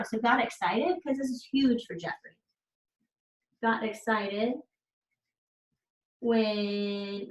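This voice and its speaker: A woman teacher with a fairly high voice reads aloud to her students in a noticeably echoey, roomy space. She explains things simply and addresses her listeners directly.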